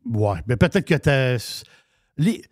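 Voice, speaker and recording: A man's voice: mid-range voice, lively intonation, slow, no room sound, studio quality. A man with a Québécois French accent, speaking as a wine columnist in casual radio chat, restarting and repeating words as he talks.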